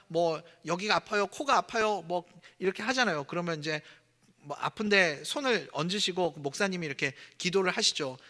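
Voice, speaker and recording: A man's voice: high-pitched, bright, forceful tone, big-room sound. A man preaching a sermon as pastor of a church, talking to the congregation in a conversational way and acting out quoted lines. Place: church sanctuary.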